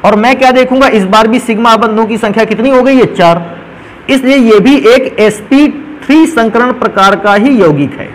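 Male chemistry teacher, high pitch, patient step-by-step board explanations, light background noise. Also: moderate pace, rough recording. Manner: explains step by step, calls students "beta". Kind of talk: whiteboard lesson.

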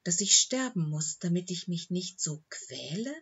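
A woman voicing a gentle, loyal old dog. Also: fairly low pitch, unhurried, breathy edge, highs cut off, exaggerated voice. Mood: reproachful. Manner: calm, soothing, matter-of-fact. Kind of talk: audiobook reading.

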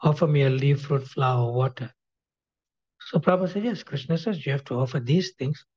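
Husky-voiced man giving a devotional lecture. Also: medium pitch, fairly quick, darkish tone. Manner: repeats key phrases, asks the audience questions. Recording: dull lo-fi recording.

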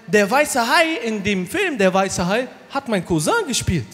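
A man's voice: high voice, very animated, unhurried, a bit bright, heavily acted. A man voicing a laid-back talking male shark who talks in street slang and lectures in a chummy way, on a comedy stage. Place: comedy stage before a live audience. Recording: hall reverb, faint crowd.

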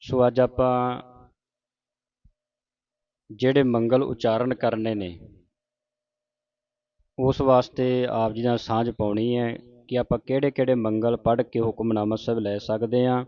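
A man giving a religious lesson on correct pronunciation, reciting each verse slowly and deliberately before explaining it. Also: medium pitch, little pitch movement, dry recording, muffled recording. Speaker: Gurbani teacher.

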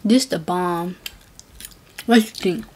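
A woman hosting an ASMR eating video with her mother, talking softly and teasing, with easy laughs, close to the mic. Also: on the low side, takes it slowly, slight background noise. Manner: soft-spoken and teasing, laughs easily. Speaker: host.

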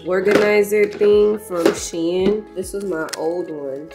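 Young woman vlogging her day, kinda low voice, super casual, talks right to y'all, faint music behind. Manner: chatty, candid and loose, talking straight to viewers as "y'all". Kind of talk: casual day-in-the-life vlog.

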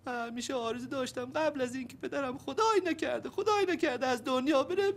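A tearful village man. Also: extremely high pitch. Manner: melodramatic, tearful, pleading. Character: emotional village man seeking his father. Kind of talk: TV sitcom acting.

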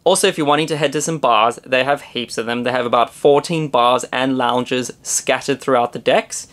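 A young adult man gives a casual travel vlog tour of a cruise ship's indoor areas, filming himself with the camera at arm's length. He's upbeat and chatty like a guide, with a medium-pitched voice and slight background noise.

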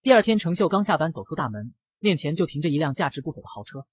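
A man narrating a comic recap in a brisk storytelling manner. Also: a little high, big pitch swings, slightly rough, no room sound.

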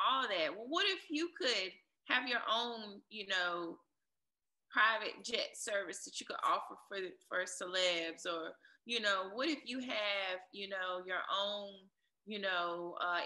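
Here the same guest, an air traffic controller and DJ, gives casual conversational interview answers with a motivational, encouraging tone. Her middling-pitched voice comes across strikingly bright and sharp, and the audio is noticeably echoey.

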